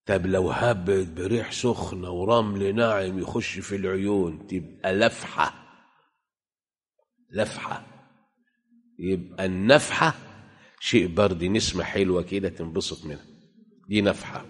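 A man's voice: low voice, steady tone, normal speed, slightly rough. A man preaching a sermon with an Egyptian Arabic accent, emphatic, putting rhetorical questions to his listeners. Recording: long hall reverb.

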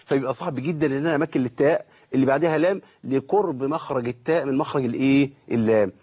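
A middle-aged man with an Egyptian accent teaching Quran recitation online, correcting students and slowly demonstrating each sound. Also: medium pitch, a little mellow, breathy edge, highs cut off. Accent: Egyptian Arabic. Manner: corrective, demonstrates letters slowly and repeats them. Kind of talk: online tajweed lesson.

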